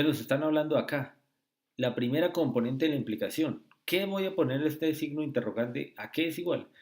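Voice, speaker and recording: A man tutoring logic in a screen-recorded lesson, speaking slowly and often checking with "¿sí?" and "¿listo?". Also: medium pitch, a little mellow. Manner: slow, repetitive, asks rhetorical checks.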